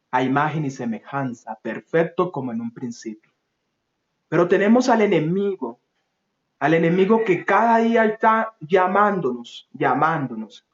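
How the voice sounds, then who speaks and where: A man preaching a sermon with passion, swinging from loud pleading to low, soft phrases. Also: roomy sound, muffled recording.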